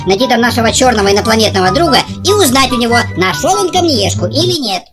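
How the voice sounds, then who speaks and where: A performer voicing a proud, grumbling husky dad as an animated, bossy cartoon dog. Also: medium pitch, fast, close to an everyday voice. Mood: puzzled. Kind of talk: scripted cartoon dog voice-over. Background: music.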